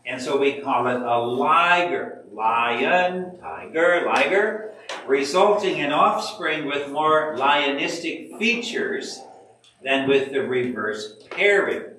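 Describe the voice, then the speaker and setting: Slow, bright-voiced man teaching in an echoey room. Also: mid-range voice, animated, a little hiss or hum. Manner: slow, deliberate teaching with questions to the class. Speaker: Bible study leader. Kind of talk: church class lecture. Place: church meeting room. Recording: echoey room, mic far off.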